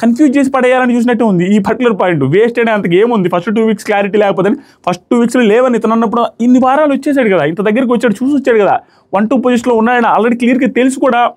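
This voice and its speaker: A man's voice: very high-pitched, very fast, a little mellow. A man reviewing a reality show in casual, analytical commentary, dropping English phrases into his talk.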